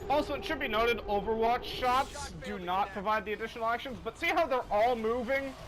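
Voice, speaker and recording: Faint game music and other background noise sit behind this man as he rambles casually and pokes fun at himself while gaming. The commentator's voice is very high-pitched and his speech a little fast.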